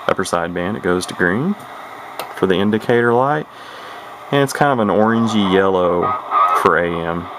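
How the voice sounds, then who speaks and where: A CB radio collector with a very low, expressive voice shows off an old CB radio in a casual show-and-tell home video, talking through it unhurriedly and rambling with lots of fillers and restarts. The recording is noisy with radio hiss, apparently captured by a camera's built-in mic in a room at home.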